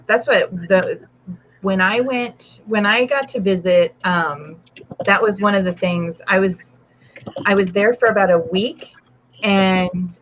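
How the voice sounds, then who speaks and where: A woman's voice: mid-range voice, dull audio, a little hiss or hum. A woman author hosting a casual writing stream from home, chatting and rambling with restarts and talking to her dog. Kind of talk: casual chat.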